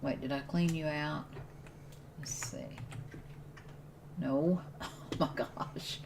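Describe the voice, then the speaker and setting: A woman's voice: low-pitched, steady tone, slow pace, vocal fry, noisy background. A woman streaming a survival game, giving casual commentary and thinking aloud as she plays. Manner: thinks aloud while playing, with restarts and laughs.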